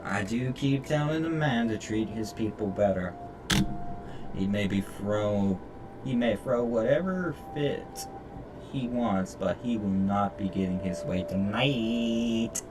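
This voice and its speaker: On the low side and slow, a man's voice reads a game's story aloud during a live stream, with stumbles and cursing commentary. A distant mic captures him over background noise and game music.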